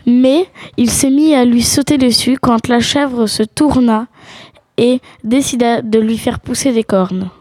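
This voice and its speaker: A woman's voice: fairly high pitch, unhurried, a little mellow, no echo. A woman telling a children's animal tale as a storybook narrator.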